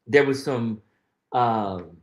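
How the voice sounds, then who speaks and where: A middle-aged man guesting on an interview show talks very slowly in a mid-range voice, sharing reflective stories earnestly and emphatically while often repeating phrases for weight. The audio is reverberant.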